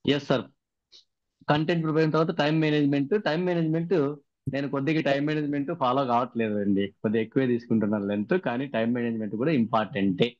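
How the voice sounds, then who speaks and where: A man's voice: mid-range voice, steady tone, rapid-fire, no room sound. A man, the trainer of a workshop, recaps the sessions and keeps putting questions to the participants over a video call. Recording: dry, muffled video-call audio.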